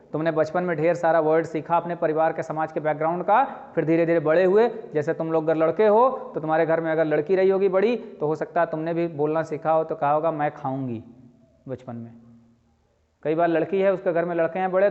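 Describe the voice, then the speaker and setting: A man teaching a lively lesson, explaining with spoken examples and asking his students questions as he goes. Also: on the high side. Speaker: English teacher. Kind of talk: classroom-style lecture. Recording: dull lo-fi sound with long reverb.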